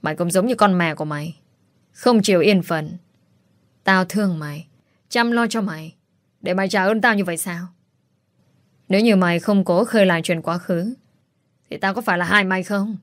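A scheming, spiteful middle-aged stepmother, as a woman reader puts her on sneers with contempt in a story reading. Her voice sits a little low. The sound is dry and close. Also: normal speed, pauses often, no room sound, lightly acted.

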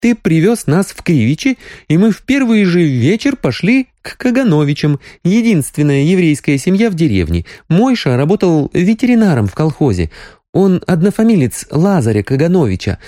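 A man voicing a tearful, spirited young woman doctor in an audiobook, his voice pushed up high and emotional. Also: very animated, moderate pace, warm tone, dry recording, studio quality. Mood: agitated. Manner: raised falsetto-like voice, sobbing, emotional. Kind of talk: audiobook character reading.

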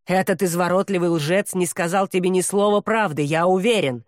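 A woman voicing a proud male demon who talks in a low, growling, contemptuous way, as in an audiobook. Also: normal speed, dry recording, studio quality, close to an everyday voice. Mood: scornful.

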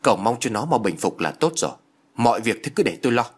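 A stern, strong-willed old village mother, as a male reader puts her on. She speaks firmly, in a husky voice that rises and falls a lot. An audiobook character voice. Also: medium pitch, very animated, quick pace.

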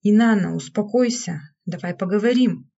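A woman's voice: mid-range voice, normal speed, vocal fry, dark tone. A woman reading an audiobook, voicing a headstrong young heroine who speaks in a startled, then soothing way. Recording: dull lo-fi recording.

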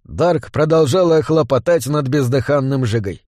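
A man reading a story aloud as an audiobook narrator, in a steady storytelling voice on a close mic. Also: mid-range voice, moderate pace, dry recording.

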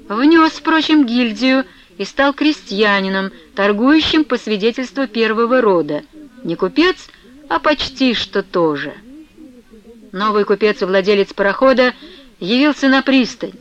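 Woman reading an old novel aloud, smooth clear bright voice, audio a bit muffled. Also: on the high side. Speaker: audiobook reader. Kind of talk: scripted literary narration. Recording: slightly dull lo-fi audio.

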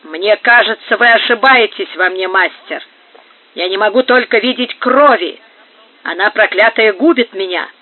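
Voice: mid-range voice, normal speed, lightly acted. The reader voicing a huge male visitor who speaks insistently and secretively, in an audiobook. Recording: narrow phone-like sound.

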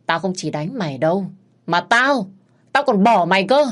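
A woman voicing a sharp-tongued young wife who curses in a shrill, sour voice. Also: animated, fairly quick. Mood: furious scolding. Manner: scolding, cursing loudly.

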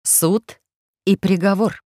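A narrator reading a children's adventure story in steady, even audiobook narration. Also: medium pitch, slow, dry recording, studio quality.

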